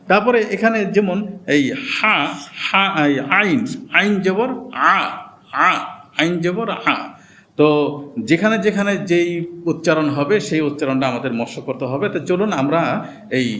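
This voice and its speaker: A man with a fairly high voice gives a slow, patient lesson, repeating each point and drawing out letter sounds. A faint hiss sits under his voice. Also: lively intonation, fairly bright tone. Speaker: Quran reading teacher.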